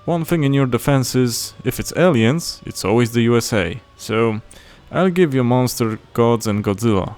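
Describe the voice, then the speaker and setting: A man's voice: mid-range voice, expressive, moderate pace, hardly any pauses, darkish tone. A man playing a video game and commenting casually, with wry, rambling asides. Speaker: let's play host. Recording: commentary over game music.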